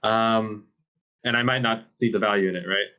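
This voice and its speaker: A man who plays esports professionally, talking casually in a post-match interview, full of fillers and quick laughs. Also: on the low side, fairly even intonation, narrow, tinny audio. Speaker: pro esports player.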